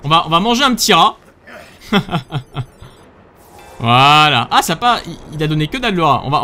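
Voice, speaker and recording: A man commentating his own game as he plays, excitable, swearing, laughing and yelping loudly. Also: on the high side, a little hiss or hum. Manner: excitable, swears and laughs often, loud yelps. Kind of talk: let's play commentary.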